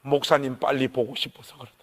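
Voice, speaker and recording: A humble, devoted security guard speaks plainly and with affection, as a preacher acts him out. His voice sits lower and quieter than the preacher's own. It echoes through a large church hall. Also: flat delivery, fast, close to an everyday voice. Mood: tender.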